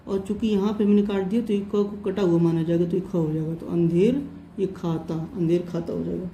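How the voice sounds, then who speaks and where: Man with a very dark, mellow voice teaching. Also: sits high. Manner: patient, repetitive, calls listeners "friends". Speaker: shorthand teacher. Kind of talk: step-by-step tutorial explanation. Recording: roomy echo, faint background noise.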